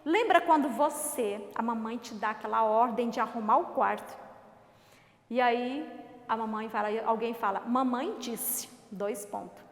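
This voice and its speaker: A woman teacher giving a lively, expressive lesson to children. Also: fairly high pitch, moderate pace. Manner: lively, exaggerated expressive intonation. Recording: echoey reverberant room.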